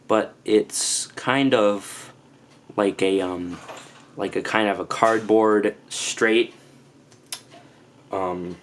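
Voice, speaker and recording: A young adult man giving a casual hands-on review in a hesitant, explanatory way. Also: lowish voice. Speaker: gas mask reviewer. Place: small living room indoors. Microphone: camera mic at close range. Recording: noisy home camera recording.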